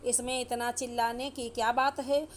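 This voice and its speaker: Woman doing a snippy young daughter-in-law, bossy and dismissive, high-ish voice that stays pretty flat. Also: normal speed, a little hiss or hum, natural voice. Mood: scornful. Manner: scolding, dismissive. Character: rude, selfish young daughter-in-law, sharp-tongued woman.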